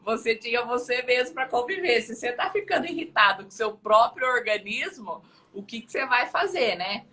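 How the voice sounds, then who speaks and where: A woman's voice: a little high, lively intonation, moderate pace, sharp tone. A woman audiologist talking casually as an interview guest, chatty and peppering her sentences with little check-in tags.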